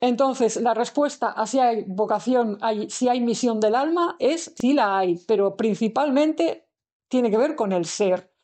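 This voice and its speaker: In a recorded lecture about the soul, a female spiritual teacher speaks unhurriedly in a warm, fairly high voice. Her lesson is reflective, with fillers and restarts as she thinks out loud.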